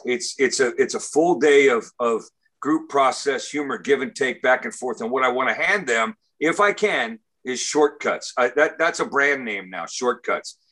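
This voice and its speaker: A man in casual conversation, telling a funny story, animated and often repeating words as he starts sentences. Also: medium pitch, moderate pace. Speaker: comedian and recovery speaker.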